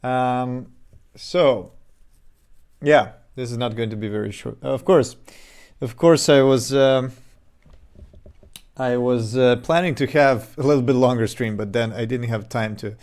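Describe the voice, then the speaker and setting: Slow-talking Serbian man streaming. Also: mid-range voice, a little mellow. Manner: halting, many fillers and restarts. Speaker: game dev streamer. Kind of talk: casual live-stream chat. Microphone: desk microphone.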